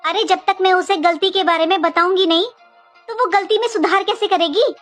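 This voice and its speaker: A woman's voice: extremely high pitch, steady tone, brisk, a bit bright, faint music behind. A woman playing a talkative middle-aged mother-in-law who scolds sharply but cares about her family. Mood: complaining.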